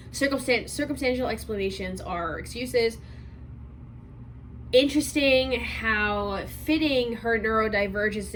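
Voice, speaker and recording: A twenty-year-old woman giving a sarcastic commentary vlog, rambling fast and correcting herself as she goes. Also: mid-range voice, a little hiss or hum, low-quality recording. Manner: sarcastic, rapid rambling with restarts. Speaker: commentary YouTuber.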